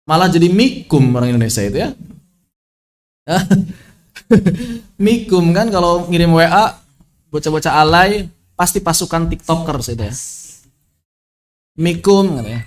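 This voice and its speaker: A man's voice: fairly high pitch, animated, unhurried, long pauses. A man teaching an online lesson on Quran recitation over a video call. He repeats his key phrases and mixes formal explanation with casual asides. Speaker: religious teacher.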